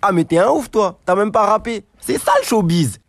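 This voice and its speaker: Scheming young hustler, as a man plays him, boastful, wheedling, slightly high voice. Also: expressive, normal speed, dry recording, studio quality. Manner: boastful, wheedling street slang. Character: scheming streetwise young man called the rat. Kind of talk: comedy sketch acting.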